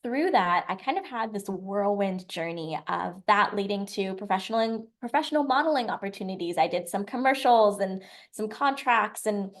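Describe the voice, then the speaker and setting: A woman in her twenties from the United States is a podcast guest telling her life story in a casual storytelling interview. She is chatty and lively, speaking in long run-on sentences at a normal speed with few pauses, in a mid-range voice.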